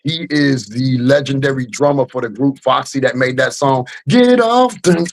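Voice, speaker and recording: An American rap artist is interviewed, his medium-pitched voice animated and his speed normal. He tells stories conversationally and earnestly, often checking in with the listener and punctuating his points with "you know what I'm saying."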